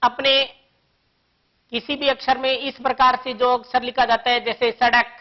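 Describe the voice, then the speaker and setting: A woman teaching a grammar lesson to young children, explaining patiently and slowly with one example after another. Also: high voice, flat delivery, highs cut off.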